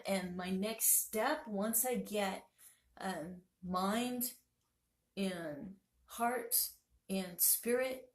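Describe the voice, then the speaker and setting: Woman, spiritual vlogger, gravelly, lowish voice, rambling, self-correcting, echoey room. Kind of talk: casual talk to camera.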